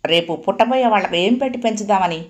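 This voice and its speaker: Woman reading as a young husband, angry, harsh, shouting, sarcastic, audiobook story, mid-pitched voice. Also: fairly quick, reverberant, lightly acted.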